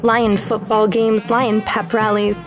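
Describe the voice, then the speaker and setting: A woman performing a first-person spoken-word story, slow and deliberate, lingering on each image. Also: medium pitch, little pitch movement, music in the background.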